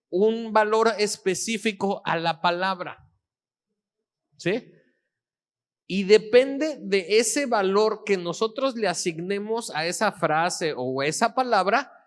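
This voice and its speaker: A man preaching as a pastor, checking in with his audience after almost every phrase. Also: high-pitched. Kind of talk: sermon.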